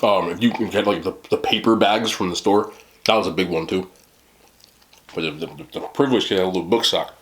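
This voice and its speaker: A man's voice: low-pitched, brisk, a little hiss or hum. A man in his thirties in casual, rambling mukbang chat, joking in slang and talking between bites as he eats. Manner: talks between bites while eating. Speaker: mukbang host. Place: small indoor room, seated at a table.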